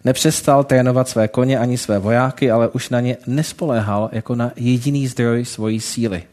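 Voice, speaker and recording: A man's voice: mid-range voice, fairly even intonation, darkish tone. A man telling a moral story in a sermon, breaking off now and then for casual asides to his listeners.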